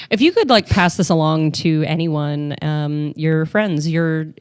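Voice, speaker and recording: A woman's voice: low-pitched, slow pace, a little mellow, smooth, no echo, studio quality. A woman co-hosting a podcast in casual chat, teasing, laughing and swearing casually. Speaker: podcast co-host.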